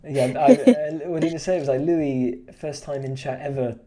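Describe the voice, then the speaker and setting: Here the artist's voice is on the high side and warm, moving at a normal speed. He chats loosely while drawing on his live stream, rambling and often restarting or filling gaps.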